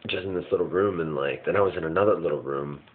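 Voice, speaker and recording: Man, very deep bass voice, casual dream retelling, hazy and puzzled, searching for words, narrow tinny lo-fi sound. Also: fast, slight background noise. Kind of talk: casual personal dream recounting. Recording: muffled phone-like lo-fi sound.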